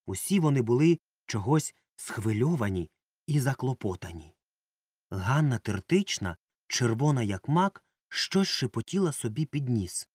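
A man narrating a children's story aloud with expressive delivery. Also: mid-range voice, unhurried, husky, no room sound, clean studio sound. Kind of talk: audiobook narration.

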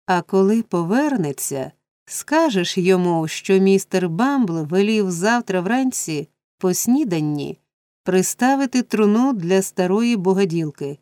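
A woman's voice: medium pitch, animated, a little slow, mellow, dry recording, studio quality, close to an everyday voice. A woman voicing a pompous, indignant middle-aged male parish beadle who scolds in a raised, blustering voice. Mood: commanding. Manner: blustering, scolding, self-righteous.

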